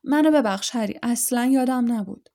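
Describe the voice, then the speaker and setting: A friendly young wizard boy gives quick, helpful advice in a storybook reading, as a woman reader puts him on. The voice sits a little high and mellow. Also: natural voice.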